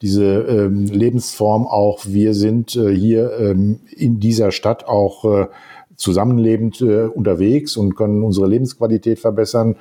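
A man talking thoughtfully in a discussion, pausing often with fillers and building long winding sentences. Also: fairly low pitch, steady tone, dark tone. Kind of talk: casual discussion.

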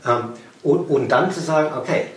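A man's voice: mid-range voice, fairly quick, far from the mic. A man speaking in an encouraging tone, doubling up his phrases to drive a point home. He sits away from the microphone in a reverberant room. A faint noise runs underneath his voice. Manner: encouraging, repeats phrases for emphasis. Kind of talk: casual podcast conversation.

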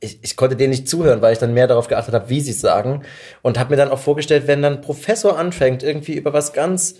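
A man's voice: mid-range voice, fast talker, darkish tone. Guy cohosting a podcast, chatty, laughs at himself a lot. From Saxony, Germany. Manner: chatty, self-mocking, laughs often. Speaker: podcast co-host. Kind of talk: casual podcast chat.

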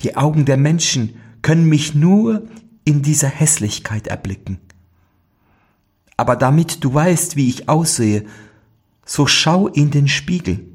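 A man voicing a cursed young princess in a storybook fairy tale, gentle and mournful. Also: on the high side, animated, a little slow, husky, pitched above the performer's own voice, heavily acted. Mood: sorrowful. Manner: mournful, pleading.

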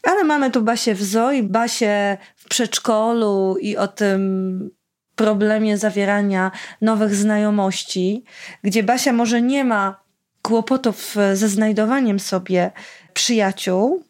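A woman's voice: medium pitch, a little mellow. A woman chatting casually about children's books, reading passages aloud and giving the characters voices, with laughs between her remarks. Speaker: children's book reviewer. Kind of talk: casual book review with read-aloud.

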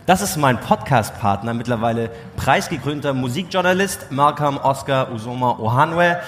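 A man's voice: mid-range voice, animated, moderate pace, fairly bright tone. A man co-hosting a podcast, opening a live show before an audience in a loose, joking way. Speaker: podcast co-host. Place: event venue before an audience. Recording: roomy hall with faint ambient noise.

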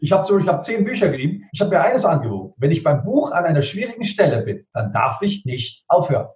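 A man's voice: on the high side, big pitch swings, fast, a little mellow. A man who works as a speaker and rhetoric coach, giving emphatic advice in an interview and hammering his points home through repetition. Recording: roomy, distant, dull sound.

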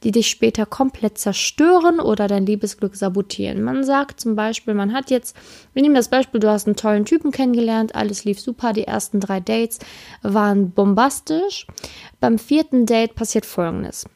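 A woman's voice: on the high side, moderate pace, vocal fry, mellow. A woman coaching listeners on dating, talking straight to them in an emphatic, direct way. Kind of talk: direct-address advice monologue.

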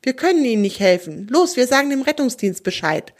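Woman doing a level-headed young boy, helpful, higher voice, storybook. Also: sing-song, fairly quick. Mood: cautious.

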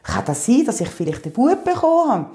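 A woman with a Swiss German accent tells a personal story in a casual, animated way, often laughing and acting out her own past words. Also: on the high side, brisk, a little hiss or hum. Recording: echoey room.

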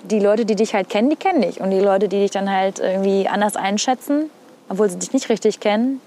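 Talking fast in a dark, mid-range voice, the young northern Hesse weather presenter gives a relaxed, reflective outdoor interview full of fillers, with slight background noise around her.

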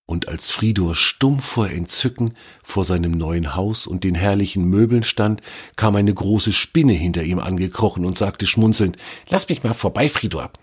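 Man, children's story reader, calm, deep voice, very clear.

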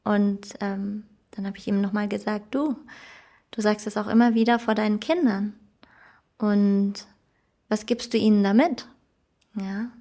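A woman's voice: mid-range voice, fairly even intonation, a little slow, long pauses, warm tone. A woman coach giving an earnest, emphatic self-help talk, who laughs at her own slips. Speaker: life coach. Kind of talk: motivational self-help monologue.

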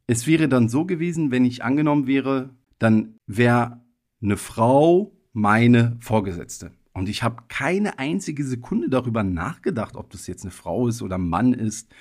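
A man in his thirties who grew up in Germany hosts his own podcast, talking in a casual, reflective monologue that feels thoughtful and personal. His wording is loose and full of hedging fillers. His mid-range voice is a little mellow, with lively intonation and a measured pace.

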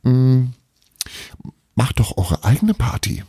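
A man's voice: mid-range voice, very animated, slow, dark tone, husky, dry recording, clean studio sound, pitched above the performer's own voice, heavily acted. A man reading a storybook aloud, voicing a stubborn, sceptical boy who talks in a grumpy, dismissive way.

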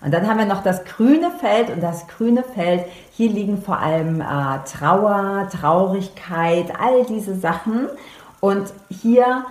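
A woman coach talks straight to the listener, earnest and steady, and repeats what matters so it sticks. Her voice sits at a middling pitch and carries the echo of a bare room. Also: takes it slowly. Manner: earnest, addresses the listener directly, repeats key points. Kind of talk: explanatory monologue to the viewer. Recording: echoey room.

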